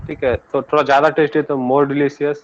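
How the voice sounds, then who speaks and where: With an Indian accent, a man teaches students an English grammar lesson, explaining patiently, switching between languages, and asking the class for answers. His voice is slightly high and flat, and he speaks fairly quickly. The classroom recording is dull and lo-fi, with a little hiss or hum.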